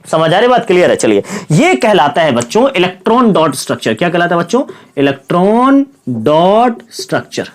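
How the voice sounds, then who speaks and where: A male science teacher giving a classroom-style chemistry lesson with a sore, slightly hoarse throat. He asks his students questions, answers them himself, and keeps repeating the key words. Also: sits high, big pitch swings, fast talker, hardly any pauses. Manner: repeats key words and calls listeners "kids" and "brother".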